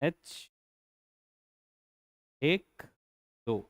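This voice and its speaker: A man's voice: very slow, fairly bright tone, no room sound. A man teaching a grammar lesson, asking his students rhetorical questions and repeating key points. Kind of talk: classroom-style grammar lesson.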